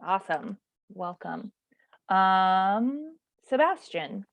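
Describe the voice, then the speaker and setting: Extremely slow and full of vocal fry, this medium-pitched woman is a thirtysomething volleyball coach from New Mexico teaching a class by video call. She's relaxed and chatty, using many fillers. Her call mic produces dull, lo-fi sound.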